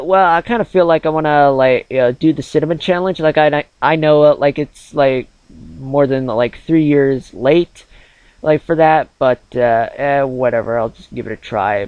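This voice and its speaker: Early-20s male gaming host, slightly high voice, filler-heavy rambling chat, dull dry mic. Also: dry recording. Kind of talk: casual chat over gameplay.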